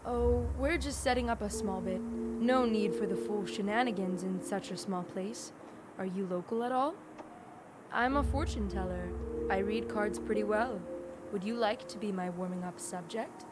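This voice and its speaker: An actress playing a friendly, coaxing fortune teller in a video game, speaking in inviting patter. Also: female voice, mid-range voice, moderate pace, very noisy, close to an everyday voice. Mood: welcoming, coaxing. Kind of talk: video game character dialogue. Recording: loud music behind the voice.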